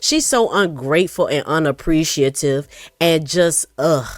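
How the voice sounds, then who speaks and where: A woman's voice: deep voice, unhurried, no echo. A young adult woman hosting a casual gossip commentary, reading group chat messages aloud and reacting with surprised exclamations. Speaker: channel host.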